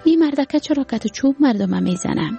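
A woman's voice: high-pitched, lively intonation, creaky, mellow, soft background music, voice pushed up. A woman voicing a small hungry girl who asks questions in a tired, pleading voice, with an Afghan Dari accent.

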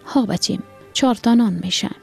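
A woman voicing a poor old grandfather who sells bananas, speaking gently and patiently in an Afghan Dari accent. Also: a little high, creaky, breathy edge, soft background music. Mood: gentle. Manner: gentle, lecturing, then hawking loudly.

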